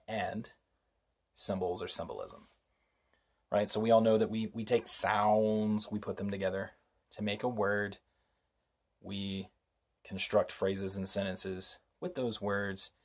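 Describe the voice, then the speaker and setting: A man hosting a spoken lesson on language and spellcraft, unhurried and reflective, often asking rhetorical questions. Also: low voice, slightly rough. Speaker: host.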